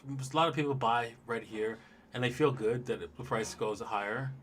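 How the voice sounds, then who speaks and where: A man's voice: medium pitch, normal speed, fairly bright tone, slight background noise. A man hosting a casual livestream, talking loosely and in a rambling way straight to his viewers as he looks over charts. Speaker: livestream host.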